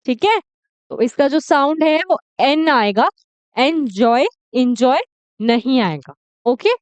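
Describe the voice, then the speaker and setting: A woman teaching English pronunciation in an online video lecture, repeating words slowly and often checking "okay?" with her learners. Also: sits high, no echo. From India.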